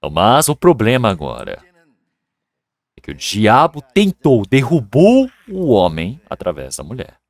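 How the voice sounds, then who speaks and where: A man's voice: medium pitch, huge pitch swings, unhurried, no echo. A male pastor preaching a sermon in a church and retelling a story with acted voices.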